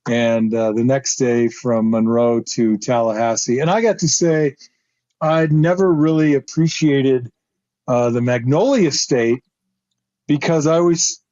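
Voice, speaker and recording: A middle-aged former football lineman co-hosts a casual podcast, speaking a little slowly as he tells a rambling story and laughs often. His pitch jumps when he gets excited. The recording is slightly dull and lo-fi, with no room sound.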